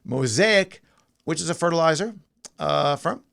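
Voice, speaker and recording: A man's voice: on the high side, expressive, measured pace, gravelly, a bit bright. A man hosting a pre-market stock show, casually talking through charts and thinking aloud with fillers and restarts.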